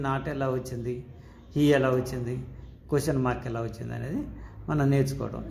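Male teacher, Telugu accent, slightly high and gravelly, patient step-by-step explainer; roomy echo. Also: mellow. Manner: step-by-step explaining, checks in with students. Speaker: English grammar teacher. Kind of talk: classroom-style grammar lesson.

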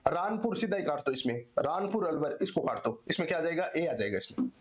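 Hoarse, high-voiced teacher drilling answers. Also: male voice, very animated, fairly quick. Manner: repetitive, drilling answers, asking and answering his own questions. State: hoarse, strained throat. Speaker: exam coaching teacher. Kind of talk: online exam-solution lecture. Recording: echoey room.

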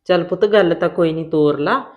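An actress playing a calm, motherly aunt with a Punjabi accent, giving advice. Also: fairly low pitch, fairly quick, lo-fi sound, lightly acted. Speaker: older aunt in a family drama. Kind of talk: Punjabi short film acting.

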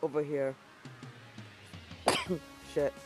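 A fairly high-voiced man talks over his gameplay, quick to get worked up and to mock his own mistakes. He swears at the game now and then, speaking into a desk mic with faint game music underneath. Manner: excitable, self-mocking, swears at the game. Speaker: gaming YouTuber. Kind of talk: let's-play commentary.

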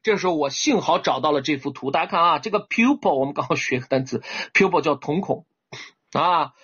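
A man's voice: fairly high pitch, a little fast, a bit bright, breathy edge. A man, teaching English vocabulary in an online class and often checking whether students follow. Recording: dull lo-fi recording.

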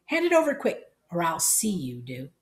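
A woman voicing a burly, angry shopkeeper who shouts and blusters. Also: lowish voice, wildly swooping pitch, moderate pace. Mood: furious.

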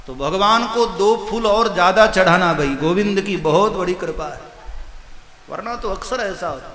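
A man preaching a religious story with jokes and anecdotes, in a large hall. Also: sits high. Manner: jokey, anecdotal. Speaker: katha preacher. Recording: echoey hall over loudspeakers.

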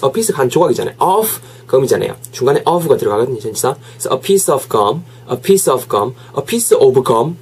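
A man teaching English in a casual video lesson. He is lively, mixes in English phrases and drills them again and again. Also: fairly high pitch, husky.

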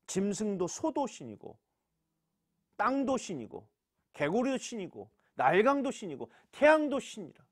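A man, a pastor, teaching a church Bible class. He asks questions and answers them himself, and repeats key words for emphasis. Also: sits high.

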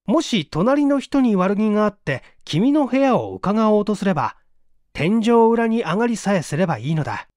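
Here a man reads a mystery audiobook dramatically, playing a teasing, self-satisfied amateur detective who brags while explaining his tricks, sounding musing and excited. His high, sing-song voice is a little mellow and goes at normal speed. The studio sound is clean with no echo.

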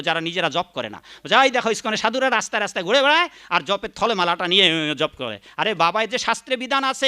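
High, bright-voiced preacher. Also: male voice. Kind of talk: devotional sermon.

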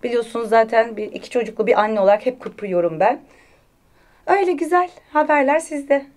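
Brief: woman, 30s, talk show guest, high voice, giggly and animated. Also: a little fast. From Bulgaria, raised in Aydın. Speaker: actress guest. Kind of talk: casual talk show chat.

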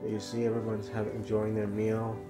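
A man's voice: lowish voice, monotone, brisk, music in the background. A man talking casually to camera at home for a reaction video, rambling and restarting his sentences often. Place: at home indoors.

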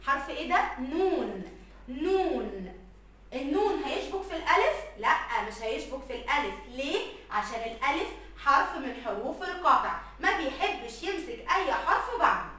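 High, lively Egyptian woman teaching little children. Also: very echoey, distant mic. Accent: Egyptian Arabic. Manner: slow, drawn-out sounding of letters and words. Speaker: kindergarten Arabic teacher. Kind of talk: recorded lesson for young children.

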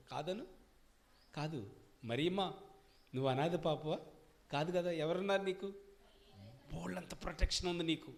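A man preaching a sermon as pastor to his congregation, swinging between loud emphatic questions and quieter asides. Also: a little high. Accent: Telugu. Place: church service.

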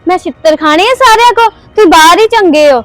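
A woman's voice: very high voice, lively intonation, a little fast, no echo. A woman playing a young daughter-in-law who answers back to her mother-in-law. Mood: defiant. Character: young daughter-in-law, defiant but worried. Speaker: actor. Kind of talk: village family drama acting.

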